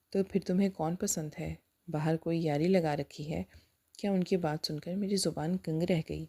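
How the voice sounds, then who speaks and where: Woman telling a sad family story, earnest, low mellow voice. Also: slightly rough. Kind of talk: first-person dramatic story narration.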